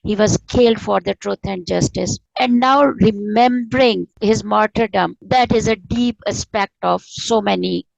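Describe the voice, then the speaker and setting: Her mid-range voice runs a little slow with vocal fry and hardly any pauses as she, an Urdu-speaking author and spiritual teacher, explains spirituality conversationally as an interview guest. She speaks earnestly and repeats phrases for emphasis. The sound is dry and lo-fi.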